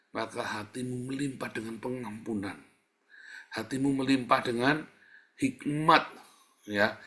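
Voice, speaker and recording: Man preaching, blunt scolding, swings loud and soft. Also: medium pitch. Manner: animated preaching with sharp swings in volume, casual slang and blunt scolding. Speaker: pastor. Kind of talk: sermon.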